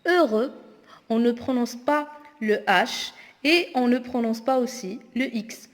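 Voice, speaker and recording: A woman teacher going through homework exercises aloud, slowly and deliberately spelling words out. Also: a little high. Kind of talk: spoken homework correction lesson. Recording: long echoing reverb.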